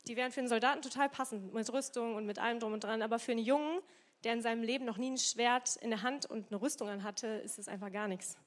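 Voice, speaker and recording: A woman preaching a casual, lively sermon, retelling a story and mixing in English words. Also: on the high side, fast talker. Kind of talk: youth sermon with Bible reading.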